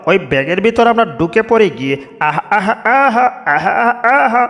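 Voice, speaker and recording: A man voicing small, greedy baby birds in a homemade cartoon dub, squeaky and excited. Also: normal speed. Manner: squeaky, excited, munching noises. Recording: long reverb, echoey room.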